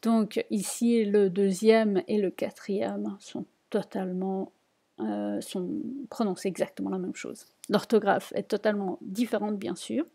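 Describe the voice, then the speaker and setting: A woman's voice: mid-range voice, lively intonation, unhurried, dark tone. A woman teaching a reading lesson, patiently repeating each word and explaining it. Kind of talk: slow spoken lesson.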